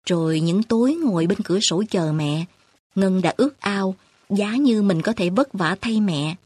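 A woman reads a story aloud in a tender, measured way. Her voice is husky and a little breathy. The recording is close and dry, with no room sound. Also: medium pitch, lively intonation, darkish tone, dry recording. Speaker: narrator. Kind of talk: scripted storybook narration.

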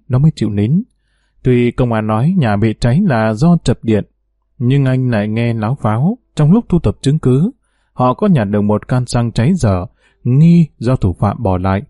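A man narrating an audiobook story with an even, measured reading. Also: mid-range voice, no echo, clean studio sound.

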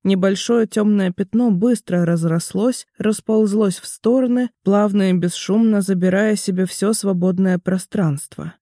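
A man reading a fantasy audiobook aloud in a measured, even storytelling manner. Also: high-pitched, no room sound, studio quality. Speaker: audiobook narrator. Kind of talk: scripted fantasy narration.

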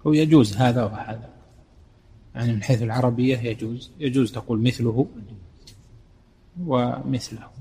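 A man teaching a lesson, correcting the reader with calm, short explanations. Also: mid-range voice, fast. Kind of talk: brief spoken commentary in a lesson. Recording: distant voice in a reverberant room.

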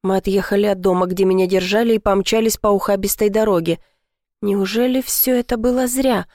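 A woman's voice: medium pitch, fairly even intonation, brisk, darkish tone, dry recording, clean studio sound. A woman narrating a tense first-person story as an audiobook reader, giving the dialogue in a dramatic voice.

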